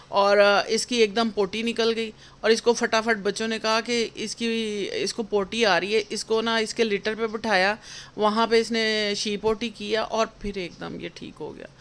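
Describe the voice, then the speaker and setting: Smooth-voiced middle-aged woman chatting casually. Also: fairly high pitch, a bit bright. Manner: rambling and homely, with frequent pauses and fillers. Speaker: vlogger. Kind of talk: casual chat.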